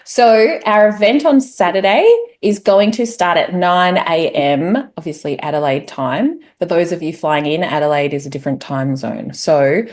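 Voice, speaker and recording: A woman hosting a casual group chat, bubbly and enthusiastic. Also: fairly low pitch. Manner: bubbly, enthusiastic, fast-rising excitement. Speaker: host.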